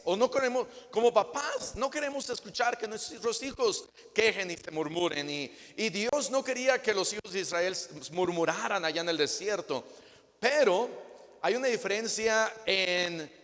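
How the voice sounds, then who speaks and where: A male pastor, preaching a sermon and acting out little dialogues in lively voices. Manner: acts out quoted dialogue with shifting pitch and loudness. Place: church. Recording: long hall reverb.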